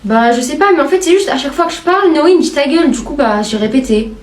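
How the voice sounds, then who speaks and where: A man voicing a sheepish little schoolgirl who talks slowly and hesitantly. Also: very high voice, lively intonation, distant mic, pitched above the performer's own voice. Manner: hesitant, slow and mumbling. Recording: roomy echo, off-mic.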